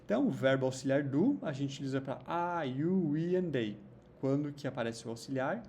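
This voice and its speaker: A man teaching English grammar, slowing down for example sentences and checking in with "tá?" and "né?". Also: mid-range voice, slight background noise. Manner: lively, slow drawn-out example sentences, frequent "tá?" and "né?" checks. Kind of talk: Portuguese-language English grammar lesson.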